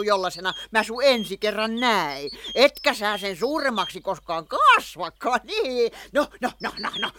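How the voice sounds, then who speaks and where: A woman's voice: medium pitch, fairly bright tone. An actress playing a chatty, lovestruck witch who fusses and coos over her cat in a radio play. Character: lovestruck chatty witch woman, fussy and fond.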